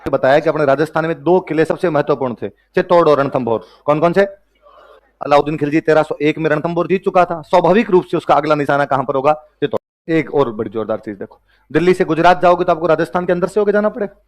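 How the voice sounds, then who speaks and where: A man's voice: fairly high pitch, fast. A man teaching a history class, asking and answering his own questions and joking with students.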